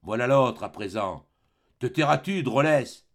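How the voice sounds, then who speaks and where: A man voicing a harsh police inspector in an audiobook, barking loud insults. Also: medium pitch, expressive, measured pace. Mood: scornful. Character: harsh male police inspector, scornful and brutal.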